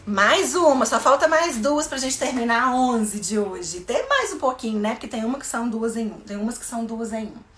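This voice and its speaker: A woman's voice: fairly high pitch, animated, normal speed, fairly bright tone, reverberant. A woman with a Brazilian Portuguese accent, an English teacher speaking casually and expressively to parents about phrases for children.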